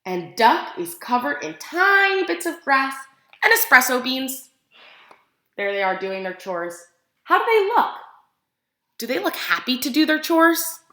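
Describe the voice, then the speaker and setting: A woman preschool teacher reads a picture book aloud in a bright, high voice, full of expression and asking questions of her young listeners. The recording was made in an echoey room, so the sound is roomy and reverberant.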